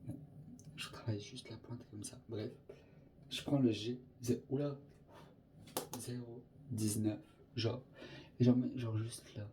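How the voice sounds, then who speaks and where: A man's voice: medium pitch, steady tone, unhurried, long pauses, mellow, a little hiss or hum. A young man chatting casually through a makeup tutorial, rambling and scattered, dropping English filler words. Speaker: makeup vlogger.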